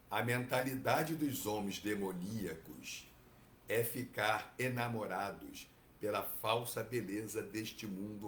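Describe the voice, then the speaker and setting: Brazilian guy slowly teaching scripture, lots of little "right?" asides, echoey room, faint hiss. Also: lowish voice. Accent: Brazilian Portuguese. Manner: relaxed and digressive, with many tag questions. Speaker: Bhagavatam teacher. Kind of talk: reading and commentary on scripture.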